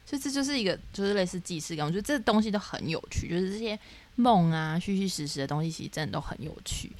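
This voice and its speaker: Young woman rattling through her dream stories, lowish voice, quick and chatty, lots of "like" fillers. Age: young adult. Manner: animated storytelling with many fillers. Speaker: podcast co-host. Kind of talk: casual chat.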